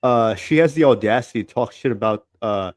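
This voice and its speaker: A man's voice: medium pitch, brisk, no echo, clean studio sound. A man with a lisp hosting a podcast in casual chat, laid-back, reading out chat comments and laughing often.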